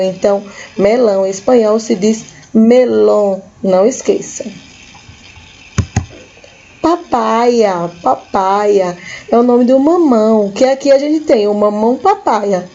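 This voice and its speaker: In this dull-sounding recording, a female schoolteacher speaks with a Brazilian Portuguese accent and a warm, medium-pitched voice. She teaches children, patiently going over each word slowly so the young learners can follow.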